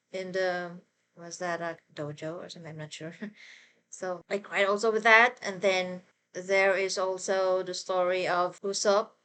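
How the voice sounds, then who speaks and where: A woman vlogger telling personal stories as a fan in an expressive, casual, rambling way. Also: mid-range voice, clear, resonant tone. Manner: expressive, informal storytelling.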